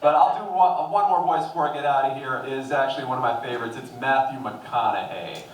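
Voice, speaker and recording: A stand-up comedian in his thirties doing a playful set with quick asides to the crowd. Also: mid-range voice, recorded from a distance, a little hiss or hum. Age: 30s. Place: comedy club stage. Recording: echoey club, mic from afar.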